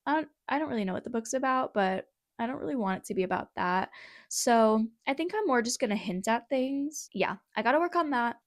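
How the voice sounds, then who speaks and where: A woman's voice: mid-range voice, dry recording, clean studio sound. A young woman in her twenties chatting casually in a rambling, self-deprecating way, filmed on her phone in her bedroom. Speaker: writing vlogger. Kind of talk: casual vlog chat. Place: bedroom in parents' suburban house.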